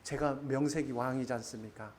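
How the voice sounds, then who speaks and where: A man's voice: mid-range voice, fairly even intonation, brisk, a little hiss or hum, close to an everyday voice. A man voicing King Saul, a king who begs forgiveness while trying to save face. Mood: pleading. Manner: pleading, saving face. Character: pleading male King Saul begging pardon.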